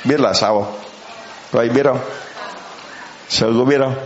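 Speaking at an unhurried pace in a medium-pitched voice, a male priest delivers a conversational homily and asks the congregation questions. The recording carries slight background noise, church echo and a somewhat muffled quality.

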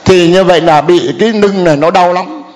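An older man telling a halting, hesitant personal testimony to a priest at a church gathering. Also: sits high, darkish tone. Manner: hesitant, halting with many fillers. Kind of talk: spoken testimony. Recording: long hall reverb.

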